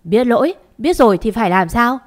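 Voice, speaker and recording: A woman's voice: on the high side, expressive, a little fast, close to an everyday voice. A woman voicing a stern young master who gives curt, cold orders in a storybook reading.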